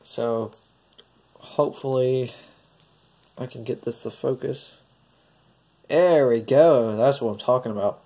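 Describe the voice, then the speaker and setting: A stuffy, nasal man narrates a casual craft tutorial, his mellow voice carrying a gravelly fry. He talks through each step in a hesitant, hopeful way. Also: medium pitch, takes it slowly, long pauses. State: stuffy, congested. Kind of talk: casual DIY painting tutorial.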